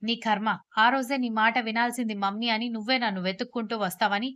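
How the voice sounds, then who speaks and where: A woman's voice: on the high side, steady tone, fast talker, dry recording, clean studio sound, close to an everyday voice. A woman voicing a domineering older mother who scolds her son, read in a storybook style. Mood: bitter. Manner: scolding, sharp. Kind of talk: storybook dialogue reading.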